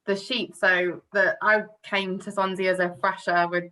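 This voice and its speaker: A woman's voice: medium pitch, level tone, normal speed, pushed and bright, poor audio. A young woman with a Brummie accent, a former bar worker telling stories in a casual group video chat. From Birmingham, England. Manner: chatty storytelling with quoted asides.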